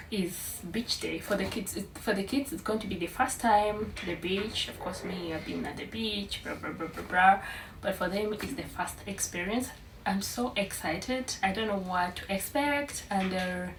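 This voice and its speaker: A woman's voice: mid-range voice, a little hiss or hum. Tired chatty young woman, echoey and distant. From Uganda. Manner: affectionate, chatty, addresses viewers as guys. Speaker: vlogger mother of twins. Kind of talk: casual family vlog.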